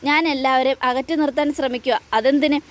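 A woman reading the lines of a jealous young fiancée, teasing and probing, in a high voice. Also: steady tone, fast, lightly acted. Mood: needling.

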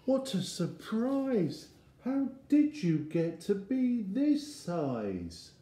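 A man reading a picture book aloud, voicing a tiny, frightened little boy in a high, anxious squeak. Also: sing-song, takes it slowly, dark tone. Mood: surprised. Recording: roomy echo.

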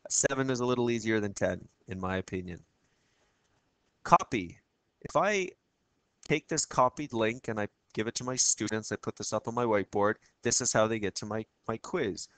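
A man with a froggy, croaky voice giving a casual screencast tutorial as a teacher, chatting through each step and often checking in with "okay?". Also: lowish voice, normal speed, fairly bright tone, no room sound.

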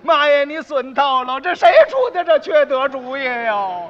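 A man's voice: high-pitched, wildly swooping pitch, takes it slowly, gravelly, exaggerated voice. A man doing wailing greedy Beijing brothers. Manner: loud sobbing wails. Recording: dull lo-fi recording.

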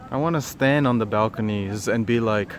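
A man's voice: fairly low pitch, moderate pace. A man in his thirties vlogging casually from a phone held at arm's length as he walks through a market and streets, playful and chatty. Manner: playful, chatty, jokey asides. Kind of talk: casual travel vlog chat. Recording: loud street and traffic noise.

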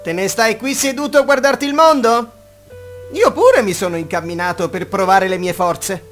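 A man voicing a boastful, cheerful little male tailor in a fairy-tale reading, talking in a bright, excited and cocky way. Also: sits high, moderate pace, faint music behind, pitched above the performer's own voice.

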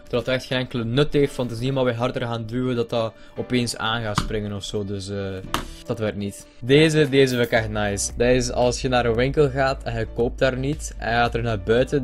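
Young Flemish guy, middle-pitched voice, excitable and rambling, heavy swearing, faint music underneath. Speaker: YouTuber. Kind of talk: casual comedic vlog.

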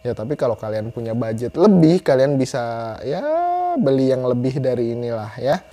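Young adult male, chatty YouTuber reviewer, mid-pitched, repeats phrases for emphasis, clip-on mic. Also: normal speed, mellow. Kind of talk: casual product review to camera. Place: small room indoors. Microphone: clip-on lapel mic.

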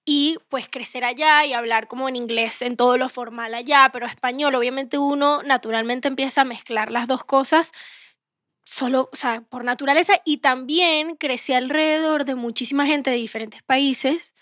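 A woman's voice: high-pitched, fairly even intonation, moderate pace, a bit bright, no room sound, clean studio sound. A young woman with a Venezuelan accent, raised in Miami, chatting as a guest with lots of laughter and fillers. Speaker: guest singer. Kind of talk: casual chat.

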